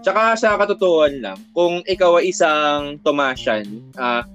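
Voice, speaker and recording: A man's voice: on the high side, animated, moderate pace, a bit bright, dull audio, soft background music. A young man hosting a casual student podcast in Taglish, teasing his guests with playful questions. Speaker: host.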